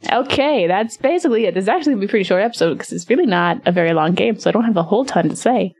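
A woman hosting a podcast, chatting casually about a board game, laughing often, her voice jumping high when excited. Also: racing, breathy edge. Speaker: podcast host.

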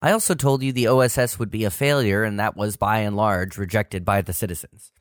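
A man's voice: fairly low pitch, a little fast, dry recording, studio quality, close to an everyday voice. A man playing a worried, deferential Secret Service agent in a satirical sketch, pleading formally and politely. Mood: respectful pleading. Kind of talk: scripted satirical sketch acting.

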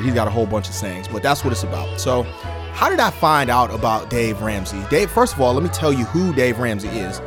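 A man hosting a solo podcast, talking casually and colloquially, straight to his listeners. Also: medium pitch. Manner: colloquial, addresses listeners directly. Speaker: podcast host.

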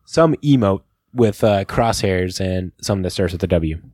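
A man's voice: low-pitched, moderate pace, dry recording, clean studio sound. A man hosting a casual podcast chat, wrapping up the episode and thanking listeners and sponsors. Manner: relaxed, wraps up the show with sponsor thanks. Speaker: podcast host.

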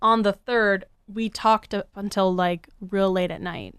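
A woman's voice: medium pitch, steady tone, a little slow, a bit bright, smooth, dry recording, studio quality. A woman co-hosting a podcast, chatting casually with lots of fillers and reading old messages aloud. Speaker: podcast co-host.

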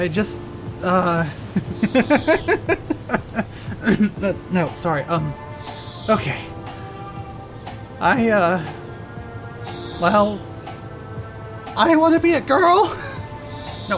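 In a fan audio drama, a performer with a mid-range, expressive voice plays June, an overwhelmed young girl coming out. She speaks slowly with frequent pauses over music, laughing and crying through her words in relieved laughter.

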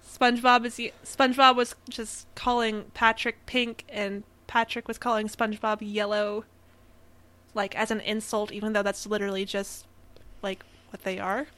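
Bright, giggly young woman. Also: medium pitch, level tone, normal speed. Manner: giggly, laughs often between sentences. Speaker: podcast co-host. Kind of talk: casual chat.

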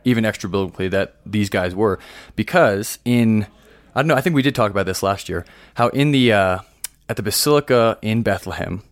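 A man's voice: fairly low pitch, lively intonation, a little fast, no echo. A young American man co-hosting a podcast, explaining things loosely in informal, slangy, conversational speech. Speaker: podcast co-host, seminarian. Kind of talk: casual explanatory chat.

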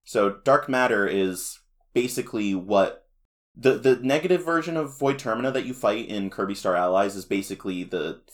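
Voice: medium pitch, lively intonation, moderate pace. A podcast co-host casually recapping a cartoon, rambling with lots of fillers and restarts. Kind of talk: casual chat.

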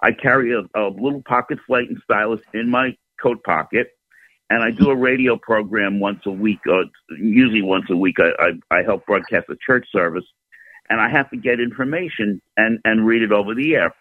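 A man in his seventies calling in to a radio show, telling stories in a steady, detailed way over a phone line. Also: on the low side, fairly quick, dry recording. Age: 70s. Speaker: caller. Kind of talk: call-in radio chat.

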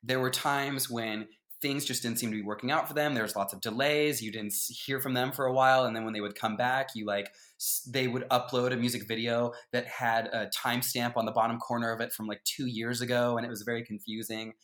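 A man's voice: medium pitch, steady tone, a little fast, few pauses, fairly bright tone. A man co-hosting a podcast in casual chat, giving his opinions with emphatic swings. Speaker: podcast co-host.

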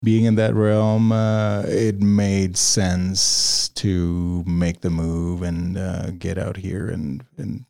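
Low, creaky, a little mellow, and level in tone, this man's voice moves slowly with few pauses. He is a Venezuelan freelance video producer chatting casually as a guest on an interview podcast, rambling through many fillers and restarts while laughing often.

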